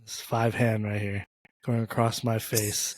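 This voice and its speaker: A man's voice: on the low side, level tone, a little slow, no room sound. A man from Thailand co-hosting a casual faith podcast, talking in an emphatic, joking way. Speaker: podcast co-host.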